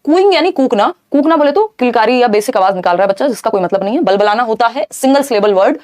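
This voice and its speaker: Her voice sits on the high side, with lively intonation and a darkish tone. She runs a live online exam-prep lesson, briskly going through answers and replying to chat viewers.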